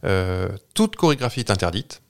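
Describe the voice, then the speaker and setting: This podcast co-host has a French accent and a low, smooth voice with wide pitch swings, speaking at a moderate pace. In a casual chat, he lays out facts, often pausing on fillers and starting over.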